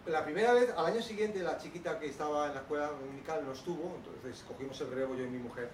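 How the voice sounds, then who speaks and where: A man giving a lively workshop talk to an audience, acting out children's voices as he tells stories. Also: a little high, fast talker, a little hiss or hum. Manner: animated, acts out children's voices. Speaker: children's ministry teacher. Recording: echoey hall, from a distance.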